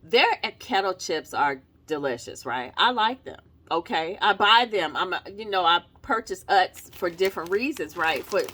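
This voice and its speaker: Bright-voiced, laughing woman. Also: on the low side, animated, moderate pace, hardly any pauses. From North Carolina, US. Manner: playful, teasing, laughs often while talking. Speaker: marketing consultant reviewing a product. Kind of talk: casual product review vlog.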